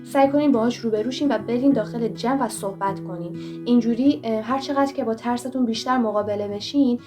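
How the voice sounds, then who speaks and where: Young woman giving direct advice over music. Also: a little high. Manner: direct, coaching, speaks straight to the viewer. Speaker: self-help vlogger. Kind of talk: motivational advice monologue. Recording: voice over clear background music.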